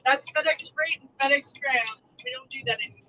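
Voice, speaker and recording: A high, bright-voiced woman chats on a live stream from a truck cab and reads viewer comments aloud, laughing often. Her voice is muffled and slightly dull, with faint road noise underneath. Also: brisk. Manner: chatty, laughs often, animated storytelling. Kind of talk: casual live-stream chat reading comments.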